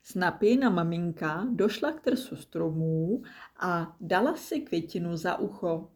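A woman reading a children's story aloud, gentle and soft-spoken. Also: on the low side, animated.

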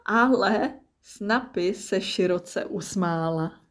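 A woman reading a children's story aloud, gentle and soft-spoken. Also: medium pitch.

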